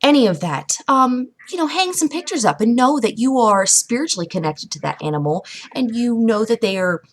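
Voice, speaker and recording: A woman's voice: a little high, lively intonation, normal speed. A woman vlogging from home at her computer desk, giving casual how-to tips in a rambling, chatty way with lots of fillers and restarts. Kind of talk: casual how-to talk to camera. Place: indoors at home. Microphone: camera mic at a computer desk.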